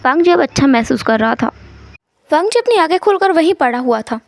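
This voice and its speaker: High-voiced woman retelling a story. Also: animated, brisk, no echo. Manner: casual, conversational retelling. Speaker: story narrator.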